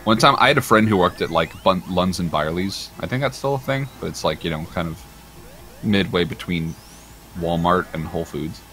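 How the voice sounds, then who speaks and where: A man's voice: deep voice, expressive, moderate pace, a bit bright, poor audio. A man hosting a game livestream, telling a rambling, crude story while chatting casually. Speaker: livestream host.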